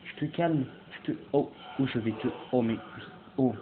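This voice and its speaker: A man giving excitable, swear-filled let's-play commentary, yelling and making mock threats at the game. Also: medium pitch, moderate pace. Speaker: gamer. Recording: tinny lo-fi mic with faint hiss.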